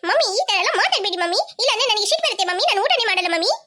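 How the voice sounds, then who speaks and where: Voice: very high-pitched, sing-song, rapid-fire, very noisy. A performer voicing a bossy, possessive little cartoon girl who snaps and complains. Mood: complaining. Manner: bossy, snappy.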